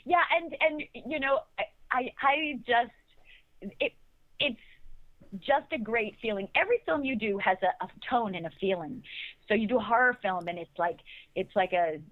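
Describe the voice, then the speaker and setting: A woman's voice: on the high side, normal speed, dry recording. Gushing woman on a tinny line. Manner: enthusiastic, rambling with many restarts. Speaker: actress guest. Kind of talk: interview answers. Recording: tinny phone-like line, dry.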